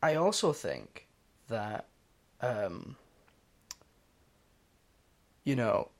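A man's voice: mid-range voice, wildly swooping pitch, drawn-out words, vocal fry. A man co-hosting a podcast in casual chat, explaining his views at length with many "you know"s. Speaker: podcast co-host.

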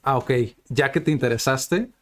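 Curious podcast host. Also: male voice, medium pitch, normal speed, fairly bright tone, slight background noise. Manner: short prompts and curious questions. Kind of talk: casual podcast interview.

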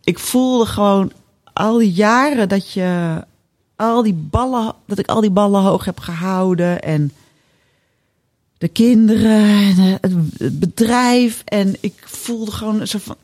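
A woman's voice: medium pitch, measured pace, darkish tone. Candid Dutch-speaking woman in her fifties telling a story. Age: 50s. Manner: candid, hesitant with many fillers, self-mocking. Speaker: podcast co-host. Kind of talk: casual chat, personal storytelling.

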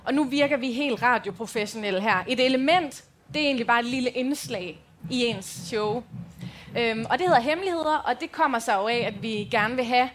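A woman's voice: a little high, a little hiss or hum. A woman co-hosting a live podcast, telling chatty anecdotes with many fillers. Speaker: podcast co-host.

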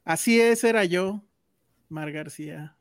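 A woman co-hosting a casual film podcast, chatting in lively banter. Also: fairly low pitch, takes it slowly, no room sound, clean studio sound. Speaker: podcast co-host.

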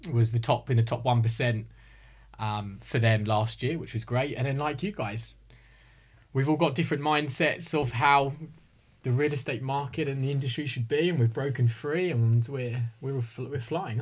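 A man speaks in casual podcast chat with a home counties English accent. His pitch is middling and his voice has a slightly husky edge. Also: normal speed. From Hertfordshire, England. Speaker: podcast co-host, estate agent.

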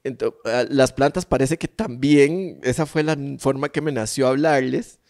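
A man's voice: mid-range voice, moderate pace, a little mellow. A man with a Costa Rican accent hosting a casual podcast chat, telling stories in a playful way. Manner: playful storyteller, laughs often. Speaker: podcast host.

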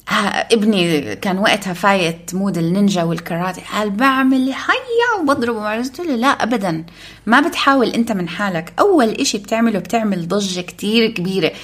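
A woman co-hosting a casual parenting chat, telling practical anecdotes from her own family. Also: medium pitch. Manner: brisk, practical, tells anecdotes from family life. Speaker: podcast co-host, mother.

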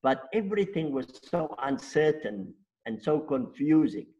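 This man in his sixties, a South African native Afrikaans speaker, is an interview guest telling his life story at length and checking in with rhetorical questions. His voice is fairly high and dark-toned, with big pitch swings and an unhurried pace. The highs are cut off in the audio.

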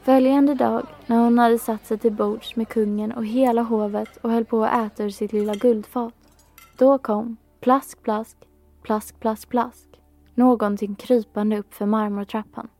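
A woman reading a classic fairy tale aloud in a calm, measured storytelling manner. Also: on the high side, faint music behind.

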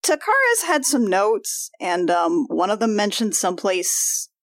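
A woman's voice: medium pitch, very animated, a little slow, no room sound. A woman playing a tabletop game, wry and questioning in casual banter. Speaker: player. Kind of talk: casual role-play banter.

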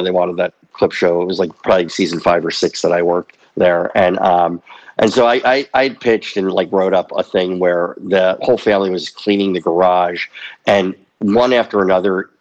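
This deep, gravelly voice belongs to a guest comedy writer in his fifties, talking loosely on a podcast with a lo-fi sound. His speech stops and restarts haltingly, and he pokes fun at himself in a dry way.

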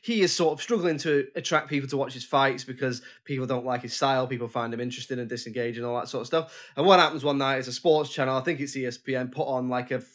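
A film podcast co-host explains his pick in a casual chat, rambling and hesitant, with many restarts. His voice is medium-pitched, and he speaks fast with hardly any pauses.

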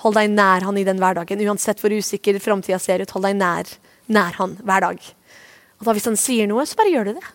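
A woman's voice: medium pitch, steady tone. A woman pastor giving a sermon, earnest and repeating short phrases for emphasis, then leading a spoken prayer.

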